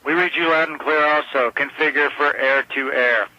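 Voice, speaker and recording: A man's voice: a little high, steady tone, normal speed, sharp tone, no echo. A man working as a mission control communicator, giving formal, procedural voice checks over radio. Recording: dull radio channel.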